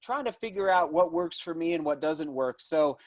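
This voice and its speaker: A man in his thirties with a voice pitched a little high. He speaks as a guest in a casual interview. His delivery is enthusiastic and rambling, with thoughts often broken off and picked up again. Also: animated, normal speed. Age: 30s. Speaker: interview guest, distance runner and vlogger.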